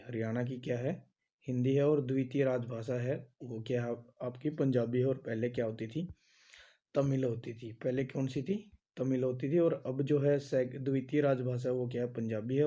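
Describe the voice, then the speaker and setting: A man's voice: medium pitch, steady tone, moderate pace, mellow. A man teaching an exam-prep lesson, asking each question and then repeating the answer, with a lot of filler phrases. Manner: says "आपका" and "जो है" a lot.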